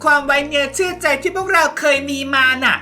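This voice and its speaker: A woman voicing an excitable, lazy young goddess girl who whines and protests loudly. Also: high voice, brisk, faint music behind, voice pushed up. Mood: flustered.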